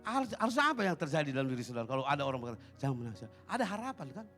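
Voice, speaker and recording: A man preaching a sermon as pastor, swinging between loud declarations and hushed asides. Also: fairly high pitch, very animated, very fast, faint music behind. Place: church sanctuary.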